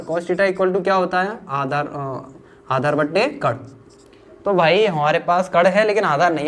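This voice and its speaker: Chatty north Indian maths teacher. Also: male voice, high-pitched. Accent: Hindi, north Indian. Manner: chatty, teasing, reassuring. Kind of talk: informal classroom lesson.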